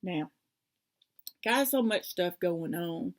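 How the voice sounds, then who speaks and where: A woman's voice: lowish voice, lively intonation, slow. A woman hosting a casual crafting vlog, rambling and easily sidetracked, with many fillers. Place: home craft room.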